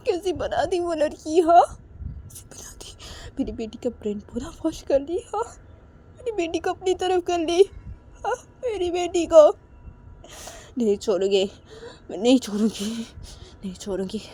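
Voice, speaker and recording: A woman voicing a grieving middle-aged mother who sobs, turns shrill and drops into whispers while vowing revenge. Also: measured pace, long pauses, warm tone, husky. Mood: weeping, vengeful.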